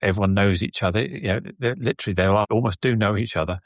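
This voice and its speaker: A man's voice: on the low side, quick pace, no room sound, clean studio sound. A man hosting an interview show, gracious and chatty, who thinks aloud as he talks. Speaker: podcast host.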